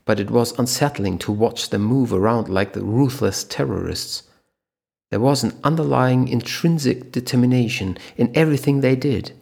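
A man narrating a thriller audiobook in a steady storytelling manner. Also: medium pitch, creaky, slightly rough.

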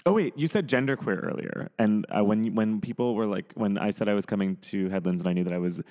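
A man's voice: fairly low pitch, quick pace, darkish tone. A man interviewing in a casual, rambling, informal way, in a large studio with big hall echo. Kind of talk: casual chat.

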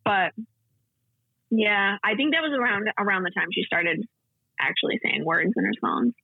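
A young woman co-hosting a podcast, chatting casually with a slightly gravelly voice and lots of fillers. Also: medium pitch, animated, normal speed, no echo. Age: young adult. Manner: chatty, laughs often, many fillers. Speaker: podcast co-host. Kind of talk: casual chat. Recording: tinny phone-like sound.

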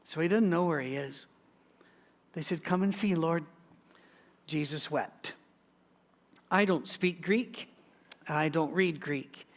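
Middle-aged male pastor, higher voice, sermon delivery with humorous asides. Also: takes it slowly, pauses often. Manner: storytelling with joking asides.

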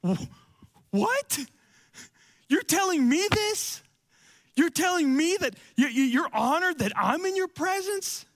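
Male preacher doing young servant girl Mary: high, stammering, incredulous. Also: expressive, slow, long pauses, fairly bright tone, heavily acted. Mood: astonished.

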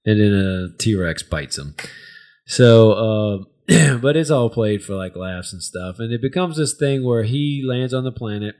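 Low-voiced American man, rambling recap. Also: measured pace, darkish tone. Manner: rambling, hesitant, searching for words. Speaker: podcast host. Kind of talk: casual discussion and episode recap.

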